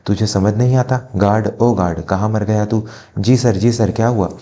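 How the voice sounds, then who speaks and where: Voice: medium pitch, moderate pace, warm tone, lightly acted. A man playing an arrogant, bullying car showroom salesman in a family drama. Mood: furious. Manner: rude, scornful, bullying.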